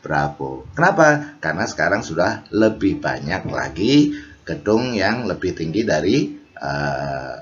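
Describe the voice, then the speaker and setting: A man's voice: deep voice, sing-song, unhurried, highs cut off. A man with an Indonesian accent, explaining English exam reading questions as a teacher, full of fillers and self-corrections.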